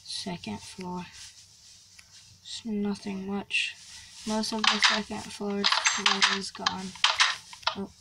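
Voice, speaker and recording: A young girl tours a Minecraft map, giving casual, hesitant gameplay commentary full of likes and ums, recorded by phone screen capture. Her voice is mid-range, level, slow and gravelly, with frequent pauses and heavy background noise.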